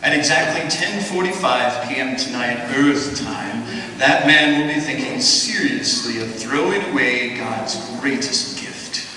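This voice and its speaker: A man playing a stern, calm male superintendent of angels with a grave, measured manner. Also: medium pitch. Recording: echoey hall, far mic, noisy.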